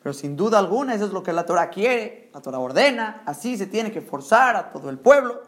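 A man's voice: high voice, sing-song, a little fast. A man giving an emphatic Torah sermon, asking rhetorical questions and mixing Hebrew terms into his speech.

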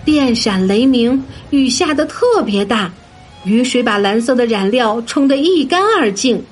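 A woman narrating a children's story in a gentle, sing-song manner, addressing young listeners. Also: on the high side, expressive, a little slow, breathy edge. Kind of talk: scripted bedtime story narration. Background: soft background music.

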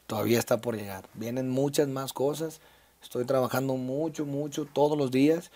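Speaking Mexican Spanish with a Sinaloa accent, the thirtysomething interview guest reflects casually, stumbling through fillers and restarts. His mid-range voice is warm, even in intonation and at normal speed.

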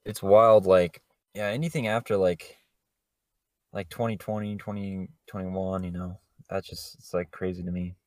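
Low-voiced joking podcast co-host man. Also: flat delivery, normal speed, a little mellow, no room sound, studio quality. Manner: joking, teasing, laid-back. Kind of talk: casual chat.

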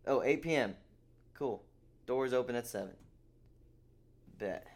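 A man's voice: mid-range voice, measured pace, creaky. A young man hosting a casual solo podcast, rambling and swearing, with a sarcastic streak. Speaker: podcast host.

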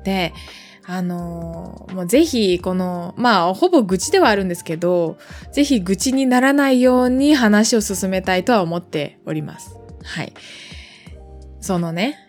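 A woman's voice: medium pitch, lively intonation, moderate pace, a little mellow. Young woman rambling on her podcast, lots of um and well, faint music under her. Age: 20s. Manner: chatty, rambling with many fillers and asides. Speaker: podcast host. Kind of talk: casual solo podcast talk.

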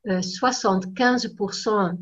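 A woman's voice: mid-range voice, slow pace, dull audio. A Dutch-native woman and language teacher chatting casually in French, searching for words and slipping in English yeahs. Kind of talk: casual chat.

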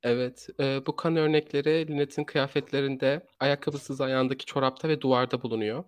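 A man tells a true crime story in a conversational podcast style at a medium pitch. He halts to find words and often restates what he just said. The sound is close and very dry, with no room echo. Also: steady tone, fairly quick, smooth. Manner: rephrases and repeats his own sentences.

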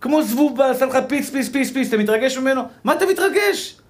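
Man rabbi with a strikingly high voice, preaching to a live audience, punchy and repetitive. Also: animated. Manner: emphatic, repeats rhetorical questions, calls listeners brother.

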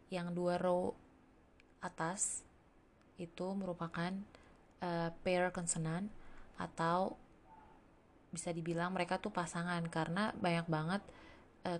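A woman's voice: on the low side, slight background noise. A woman teaching English pronunciation in a casual lesson, demonstrating sounds one by one.

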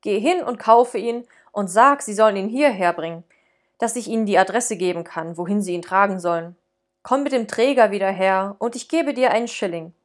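A woman reading a classic Christmas story aloud, giving the characters lively voices. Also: medium pitch, normal speed. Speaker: podcast host reading a story.

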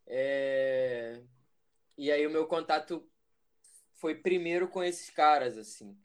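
Young brazilian guy, musician, talks easy and loose, kinda higher voice. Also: slow, smooth. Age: 20s. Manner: relaxed, reflective, rambling with fillers. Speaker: musician guest. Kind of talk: casual interview.

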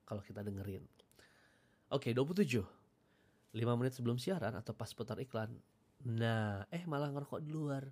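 A man who works as a radio announcer, talking casually about habits of announcers, mixing in English phrases and often clearing his throat. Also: on the low side, warm tone. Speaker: radio announcer giving tips. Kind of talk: casual Jakarta-slang talk.

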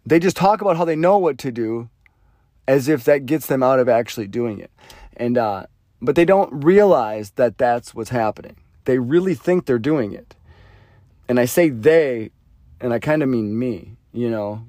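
A man talks alone into the mic, thinking aloud in an earnest, meandering way and often trailing off softly. His voice sits at an ordinary middle pitch. The sound is dry and close, with no room around it. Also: no room sound. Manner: rambling, heavy with fillers, trails off quietly. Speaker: podcast host. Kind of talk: reflective solo monologue.

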